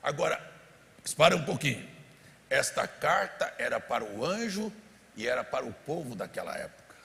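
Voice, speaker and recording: Man, Brazilian pastor, fiery sermon, bright sharp tone, low murmurs to shouts, live church recording with reverb. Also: very animated, moderate pace, vocal fry. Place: large church hall.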